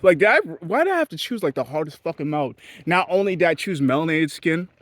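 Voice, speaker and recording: A man from Haiti, a vlogger, delivers a candid ranting monologue to his audience, blunt, profane and rambling. His voice is a bit bright and sing-song, quick, with sudden jumps in pitch, and there is no room sound.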